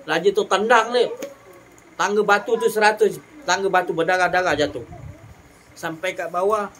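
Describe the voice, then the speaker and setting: A religious teacher gives a sermon, animated and rising and falling in pitch for emphasis. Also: normal speed, a little hiss or hum.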